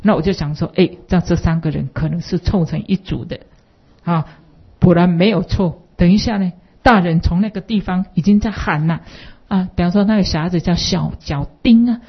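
Brief: woman Buddhist lecturer, husky, filler-heavy, lo-fi recording. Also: on the low side, a little fast. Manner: rambling, many fillers and rhetorical questions. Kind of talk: dharma lecture with anecdotes. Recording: dull lo-fi recording.

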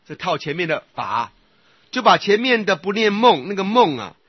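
A man giving a Buddhist sutra lecture. He recites scripture phrases in a slow, repeated cadence and often checks with his listeners by asking whether they follow. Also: sits high, big pitch swings, slightly rough, no room sound, lo-fi sound. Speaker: Buddhist dharma teacher.

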